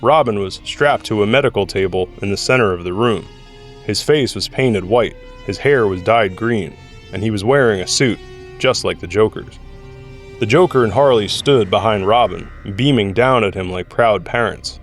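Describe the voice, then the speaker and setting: A male narrator with a fairly low voice reads scripted, dramatic narration at normal speed. Soft music plays behind him, like an audio drama score.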